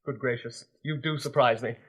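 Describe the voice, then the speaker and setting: A wry, playful young prince. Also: male voice, fairly high pitch, big pitch swings, normal speed, noisy background. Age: young adult. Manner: wry, playful and well-spoken. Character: kind young prince, bored with royal life. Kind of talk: storybook record acting.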